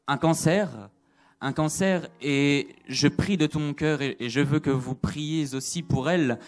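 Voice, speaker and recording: A man giving an earnest religious testimony, repeating phrases and hesitating with fillers. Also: on the high side. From Italian. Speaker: testimony speaker.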